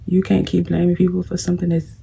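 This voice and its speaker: A young vlogger talks fast as she does her makeup, handing out blunt, preachy advice directly to viewers in a casual get-ready-with-me format. Her fairly low voice is scratchy, gravelly, monotone, and dark in tone.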